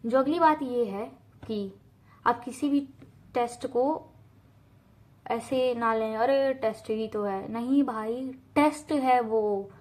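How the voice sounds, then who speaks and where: A young woman from India giving earnest, direct study advice in a casual talk to camera, repeating points for emphasis and slipping in English phrases. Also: on the high side. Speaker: student advice vlogger.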